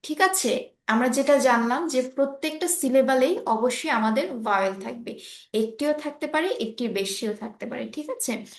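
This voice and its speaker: A woman's voice: high voice, moderate pace. A woman teaching an English class online, explaining patiently and often checking that her student understands. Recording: roomy echo.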